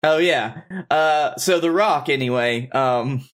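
A man's voice: mid-range voice, slow, a bit bright. Easygoing man riffing on a podcast. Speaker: podcast co-host. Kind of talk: comedic improv chat.

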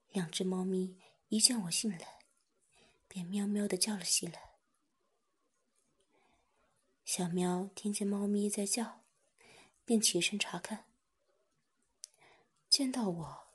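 A woman narrating a story in a soft, hushed whisper. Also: medium pitch, breathy edge.

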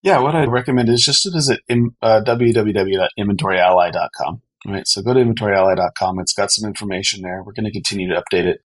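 A man's voice: on the low side, steady tone, fast, hardly any pauses. A man speaking as an expert podcast guest, explaining things earnestly and conversationally. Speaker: podcast guest, company co-founder.

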